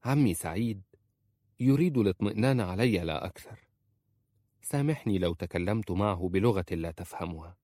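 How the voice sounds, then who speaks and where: A man's voice: deep voice, lively intonation, a little fast, warm tone, dry recording, clean studio sound. A man voicing an earnest young wife who pleads with her uncle in a story reading. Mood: pleading.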